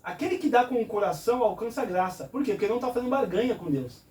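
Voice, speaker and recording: On a talk show, a man preaches conversationally and earnestly, explaining through rhetorical questions he answers himself. His voice is fairly high and darkish, with big pitch swings and a fast pace. He sits back from the mic in an echoey room.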